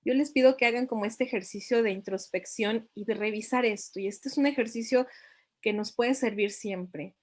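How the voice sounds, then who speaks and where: A woman's voice: on the high side, normal speed, a little mellow. A middle-aged woman, giving a reflective talk to parents and asking them many questions.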